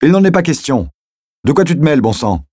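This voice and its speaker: A man's voice: lowish voice, fairly quick, dark tone, slightly rough, dry recording, studio quality, pitched above the performer's own voice. Man playing a stubborn, wounded man. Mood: defiant. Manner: insistent, raised voice.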